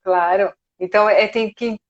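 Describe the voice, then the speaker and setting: A woman who teaches Spanish, talking in a live video chat and acting out quoted speech in an animated way. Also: medium pitch, moderate pace, dull audio. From Brazil.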